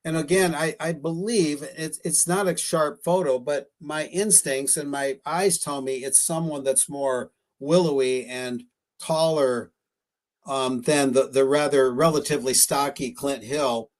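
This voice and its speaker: A man's voice: fairly high pitch, fairly even intonation, a little slow. Cautious, hedging man analyzing photos. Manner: careful, hedging, speculative. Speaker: guest researcher discussing photos. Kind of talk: live-streamed radio talk.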